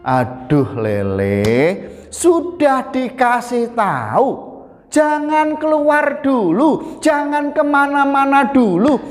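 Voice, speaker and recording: Storyteller voicing a deep, lecturing papa fish, storybook, roomy hall with faint music. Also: sing-song, takes it slowly, exaggerated voice. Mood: scolding. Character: stern catfish father, scolding but caring.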